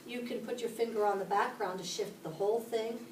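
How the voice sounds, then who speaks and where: A woman from Pittsburgh, Pennsylvania with a voice on the high side teaches briskly, her intonation fairly even as she explains each step and quizzes the children. Her classroom instruction is recorded from far off by a camera across the echoey room, with slight background noise.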